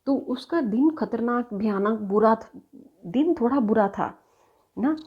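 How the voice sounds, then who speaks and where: A woman's voice: on the high side, creaky, mellow, slightly rough. Patient woman teacher. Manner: mixes Hindi and English, checks understanding often; reads English definitions slowly, word by word. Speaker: English teacher. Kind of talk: classroom lesson explaining grammar terms.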